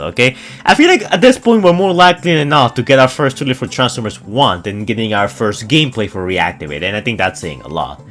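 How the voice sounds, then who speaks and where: Informal and excitable, a man runs through gaming news for his YouTube viewers in a mid-range voice, offering laid-back yet enthusiastic commentary.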